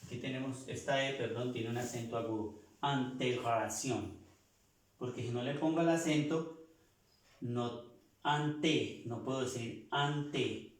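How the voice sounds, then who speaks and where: A man teaching a language class, slowly repeating and sounding out each word for his students. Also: mid-range voice, fairly even intonation, heavy reverb. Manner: slow, repeats words, sounds them out. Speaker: French teacher.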